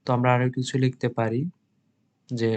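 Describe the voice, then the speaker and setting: A man with a Bangladeshi accent giving an exam-prep literature lesson, reading English lines slowly and then translating them. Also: medium pitch, monotone, a little mellow, clear, resonant tone.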